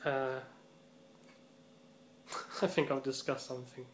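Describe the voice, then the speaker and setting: Flat-voiced profane man in echoey room. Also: mid-range voice, slow pace. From Britain. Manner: rambling and profane, heavy on fillers. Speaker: vlogger. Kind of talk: casual vlog monologue. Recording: echoey room with faint ambient noise.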